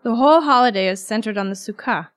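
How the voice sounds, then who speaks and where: A woman's voice: fairly high pitch, quick pace. A woman co-hosting a scripted podcast, asking curious, friendly questions and adding her own notes. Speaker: podcast co-host. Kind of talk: scripted educational podcast dialogue.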